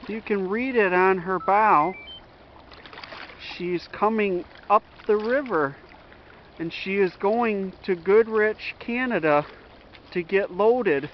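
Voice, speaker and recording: A man vlogging outdoors from a riverbank, narrating a passing ship in a slow, friendly play-by-play. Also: high voice, dull audio, slight background noise. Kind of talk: casual narration while filming.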